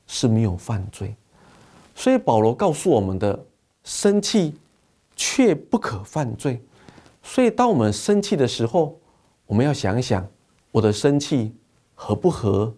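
A male preacher giving a sermon, moving from storytelling into earnest exhortation. His voice is dark and mellow, with lively swings in pitch. He slows down and pauses heavily on key points.

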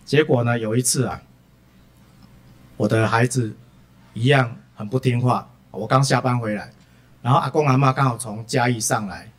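A middle-aged man gives a sermon as a string of lively family stories. He sprinkles his talk with soft "ah" fillers. His voice sits at a medium pitch. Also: normal speed, pauses often. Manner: lively anecdotal delivery, frequent "ah" fillers. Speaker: preacher. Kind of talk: sermon with personal storytelling.

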